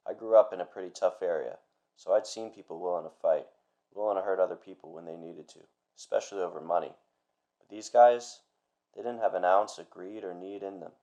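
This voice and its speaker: A man's voice: low voice, fairly quick, warm tone, dull audio. A man playing a tough, grim storyteller recounting something menacing in a film. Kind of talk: dramatic storytelling monologue.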